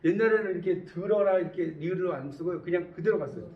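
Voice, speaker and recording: Male lecturer with a high voice, checking in with students often; heard from afar on a dull, slightly noisy recording. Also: fast. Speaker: university lecturer. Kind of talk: classroom lecture. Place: lecture room. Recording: distant, echoey, dull classroom recording.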